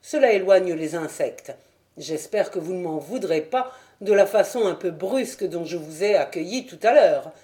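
A woman voicing an irritable old man who keeps animals, who first shouts threats and then turns fussy and polite. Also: lowish voice, lively intonation, normal speed, lightly acted. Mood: fussy, welcoming. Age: over 60.

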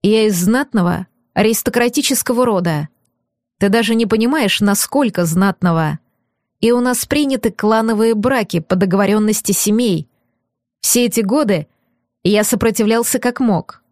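A woman's voice: medium pitch, normal speed, darkish tone, no room sound, studio quality, close to an everyday voice. A woman reading an audiobook and voicing a stern, torn young aristocratic man with firm, clipped, bitter delivery. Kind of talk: audiobook character voice.

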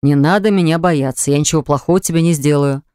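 A woman voicing a pushy, demanding young man who speaks bluntly and insistently, lower than her own voice. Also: fast talker, a little mellow, clean tone, dry recording, studio quality, natural voice. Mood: calm.

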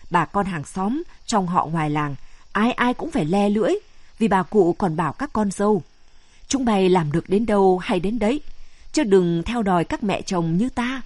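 A woman voicing a warm-hearted, hardworking village woman who fusses and exclaims. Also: medium pitch, no room sound, natural voice.

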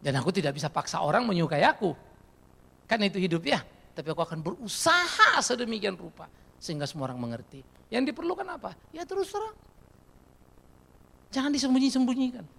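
A middle-aged man preaching a sermon as pastor, animated and folksy, mixing in English phrases and swinging between loud and soft. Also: sits high, quick pace, creaky, breathy edge, long reverb tail. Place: church.

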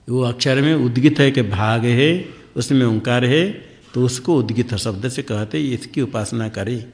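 Male swami teaching scripture, mid-pitched, repeats words slowly and chants Sanskrit verses. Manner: slow, repeats words to drill Sanskrit pronunciation. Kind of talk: spiritual discourse.

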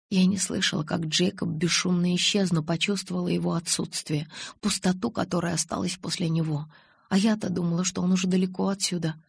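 Woman reading a novel aloud, husky lowish voice, dry close sound. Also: no room sound. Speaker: audiobook reader. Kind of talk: scripted audiobook narration.

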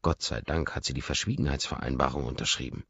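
A man reading a first-person audiobook, brooding and inward. His voice sits extremely low, husky and gravelly. The recording is dry and a little dull. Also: fast, pushed and bright, dry recording. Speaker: audiobook narrator.

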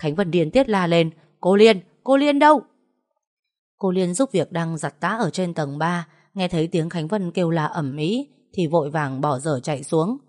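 A woman narrating a family story in a steady, measured storytelling manner. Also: low voice.

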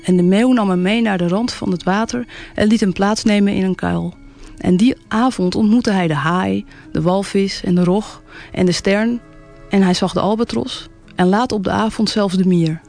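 A storyteller reading a tale aloud for radio in a gentle, unhurried way. The voice sits at a middle pitch with a gravelly texture, and soft music plays faintly underneath. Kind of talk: calm storybook narration on radio.

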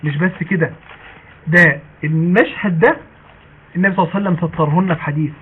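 A man with an Egyptian Arabic accent giving a chatty religious lesson to women. He slows down when he recites quoted sayings. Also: a little high, a little hiss or hum. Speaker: preacher teaching women. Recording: tinny phone-like recording.

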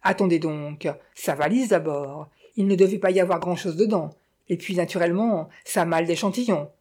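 A sharp-tongued middle-aged widow, voiced by a woman reading a storybook, her voice pitched up and pushed with complaint. She scolds and frets, grasping and bitter at once. The delivery rises into a shrill, needling register. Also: moderate pace, lightly acted. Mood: fretful. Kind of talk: audiobook character voice.

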